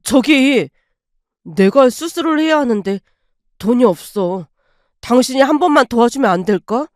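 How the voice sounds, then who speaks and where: A woman voicing a sick, shameless middle-aged father who pleads in a low, slow, whining voice. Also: expressive, darkish tone, no echo, clean studio sound. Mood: pleading.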